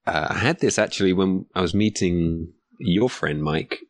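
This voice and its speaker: A man's voice: low-pitched, moderate pace, no room sound. A man chatting casually on a podcast, laughing as he describes food. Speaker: podcast guest.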